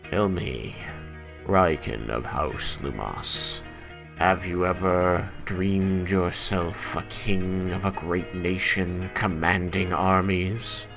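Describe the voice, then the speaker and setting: Man voicing a very deep, courtly fae nobleman. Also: gravelly, heavily acted. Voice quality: deep baritone. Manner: formal, courtly, unhurried. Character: suave grandiose fae marquis, smooth deep-voiced tempter. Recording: music playing behind the voice.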